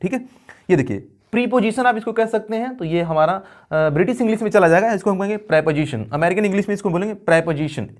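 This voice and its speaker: A man's voice: high-pitched, quick pace. A man teaching an English grammar lesson in a playful, jokey way. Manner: playful, jokey, addresses viewers as kids. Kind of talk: classroom lesson.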